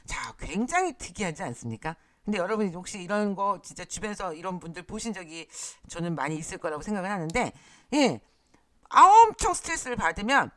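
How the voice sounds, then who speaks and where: A woman's voice: mid-range voice, bright, forceful tone, dry recording, clean studio sound. A woman giving an explanatory lecture, often starting sentences with a prompting word and briefly acting out the lines she quotes. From Korea.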